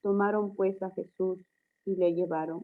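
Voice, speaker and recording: A woman's voice: fairly low pitch, fairly even intonation, moderate pace, narrow, tinny audio. A woman from the congregation reading a Bible passage aloud, with small stumbles and self-corrections. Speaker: church member reading scripture.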